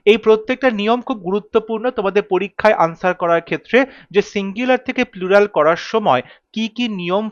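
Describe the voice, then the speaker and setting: A man's voice: high voice, dry recording, muffled recording. A man with a Bengali accent teaching an English grammar lesson, patiently spelling out letters and repeating word pairs. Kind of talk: lesson explanation.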